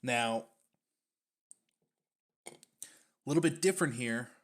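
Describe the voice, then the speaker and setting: Slow-paced and animated, a man with a mid-range voice chats through a casual snack food review on his stream. Fillers crowd his speech, and sometimes he talks with food in his mouth.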